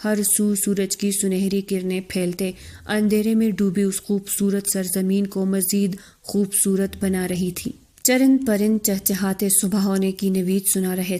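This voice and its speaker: Mellow-voiced woman reading a novel aloud. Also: mid-range voice. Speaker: narrator. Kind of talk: scripted audiobook narration of a romance novel.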